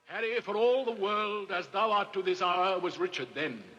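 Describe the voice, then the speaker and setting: A man playing an aging, weary English king who rebukes his son, speaking Shakespearean verse in a grave, measured way from an old film soundtrack. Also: high-pitched, a bit bright, in a large hall, dull audio. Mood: reproachful. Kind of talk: classical Shakespearean film acting.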